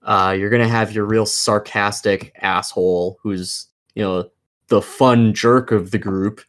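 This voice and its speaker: A man's lowish voice carries fairly even intonation at a measured pace as he co-hosts a laid-back podcast. He rants emphatically about games and films, exasperated and cursing.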